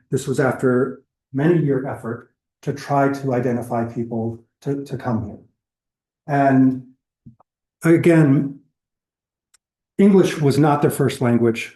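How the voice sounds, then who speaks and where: Here the whale entanglement response lecturer speaks in a lecture hall with a medium-pitched, warm voice, captured in a rough recording with a roomy sound. His public talk is conversational and explanatory, and he lists examples as he goes.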